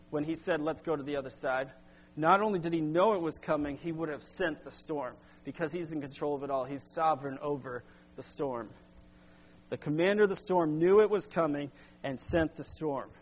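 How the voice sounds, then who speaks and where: Man, pastor, middle-aged, sermon, halting restarts, emphatic bursts, slightly high voice, long reverb. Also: slightly rough.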